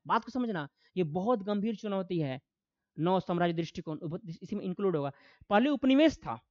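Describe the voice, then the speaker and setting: A man's voice: very high voice, no echo, highs cut off. A man teaching a classroom lecture, asking his students questions and answering them himself, acting out quoted voices. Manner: animated, acts out quoted voices.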